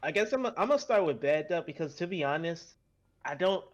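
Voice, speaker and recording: Casting: man with a higher-pitched voice, slangy podcast co-host, casual delivery, slightly lo-fi recording. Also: lively intonation, a little fast. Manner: slangy, conversational. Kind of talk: casual podcast chat about anime.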